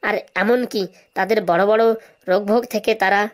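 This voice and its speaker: A performer with a natural, mid-range voice and fairly even intonation speaks a little fast as a cheeky schoolboy with buck teeth in a comedy cartoon. The brazen character answers back glibly, with absurd confidence.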